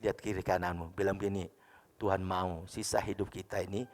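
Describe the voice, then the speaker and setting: A male pastor giving a sermon, telling a story and acting out the dialogue, with sudden loud bursts. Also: low-pitched, level tone, fairly quick, long reverb tail, faint music behind. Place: church.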